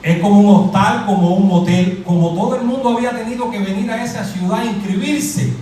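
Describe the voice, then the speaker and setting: The middle-aged pastor, from Cuba and speaking with a Cuban Spanish accent, talks fairly quickly in a high voice. He animatedly quizzes his congregation and jokes during the sermon. Heard through a distant mic, the church hall is very echoey with a little hiss or hum.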